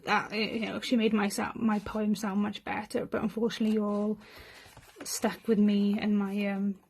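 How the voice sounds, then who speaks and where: A woman poet speaks in a Rhondda, Welsh Valleys accent. Her voice is soft-edged and mellow, with little rise and fall in pitch. She sounds understated and self-deprecating, as at an informal poetry reading. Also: monotone, moderate pace, vocal fry, a little hiss or hum. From Rhondda, South Wales.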